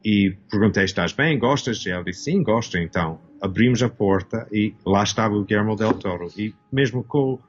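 A man's voice: lowish voice, moderate pace, few pauses, breathy edge, lo-fi sound. A Canadian-born man in his fifties, a costume designer speaking as an interview guest, hesitant and searching for words with many restarts. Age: 50s. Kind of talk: casual interview talk.

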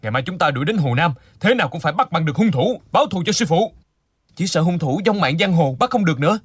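A woman's voice: fairly low pitch, lively intonation, fast, husky, no echo, studio quality, voice pushed down. A woman voicing furious vengeful male disciples. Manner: heated, vengeful.

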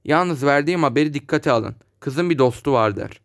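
A man reading aloud, voicing a matter-of-fact visiting official who reports news and gives a quiet warning. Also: on the high side, animated, moderate pace. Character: male police visitor, measured and warning.

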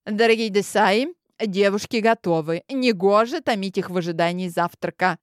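A woman's voice: mid-range voice, normal speed, no echo, studio quality, lightly acted. A woman voicing a weary, restrained court lady with formal manners in a fantasy audiobook. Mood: polite formal. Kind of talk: audiobook character voice.

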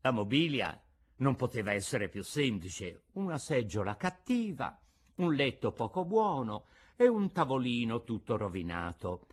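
A man narrating a storybook in a lively, theatrical and playful way. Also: medium pitch, unhurried. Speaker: audiobook narrator.

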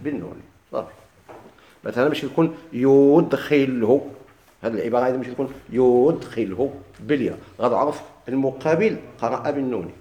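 A man's voice: medium pitch, lively intonation, a little mellow, highs cut off. Moroccan man teaching in an echoey room. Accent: Moroccan Arabic. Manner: asks students questions and answers them himself; chants quoted verses slowly. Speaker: teacher of Quran recitation. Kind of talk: explaining a classical text to students.

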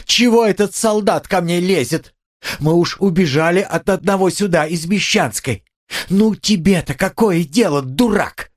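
A man voicing a proud, desperate poor widow woman who talks in a shrill, haughty way and screams. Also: expressive, a little slow. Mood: frantic shrieking.

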